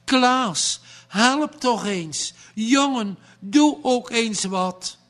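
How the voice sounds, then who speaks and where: A man's voice: on the high side, very animated, very slow, a bit bright, slightly rough, exaggerated voice. A man voicing a strong but exhausted boat skipper who calls out in raised, strained bursts, in a storybook reading. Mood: pleading.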